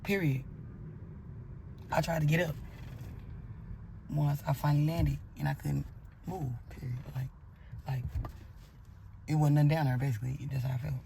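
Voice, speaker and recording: A woman's voice: deep voice, fairly even intonation, normal speed, creaky, pauses often, dark tone, a little hiss or hum. A woman telling a personal story in a blunt, profane way, acting out her own angry outbursts as she goes.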